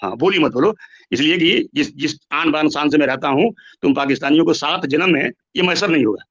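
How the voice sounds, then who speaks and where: A man's voice: a little high, a little fast, a bit bright, dry recording, dull audio. A man in a heated online debate, speaking into a phone, stubborn and repeating himself. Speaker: debate participant.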